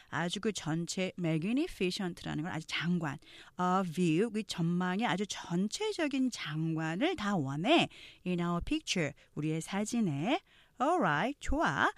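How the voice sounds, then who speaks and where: A woman leads an online English pronunciation lesson in a slow, deliberate way. Her pitch rises and falls freely as she walks learners through each point. The sound is dry and close. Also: no room sound. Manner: explains step by step, coaching learners to repeat; slow, exaggerated model readings of English phrases.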